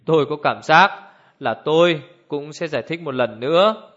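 A man plays a sardonic adventurer with a sour, clipped manner. His voice sits a bit high and stays curt. The recording sounds dull and lo-fi. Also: lively intonation, moderate pace, fairly bright tone. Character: sardonic, scornful male adventurer.

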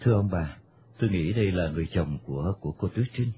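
A man's voice: low voice, lively intonation, fast talker, husky, full character voice. A man voicing a timid, flustered young man in a radio play, stammering and deferential, over a tinny broadcast.

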